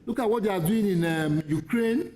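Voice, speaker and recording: Emphatic high-voiced man in a reverberant hall. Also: moderate pace, background noise. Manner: emphatic and insistent, repeats points, pleads with the audience. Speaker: conference speaker for a lawyers' group. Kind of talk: formal conference speech. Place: conference hall. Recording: long reverb of a conference hall.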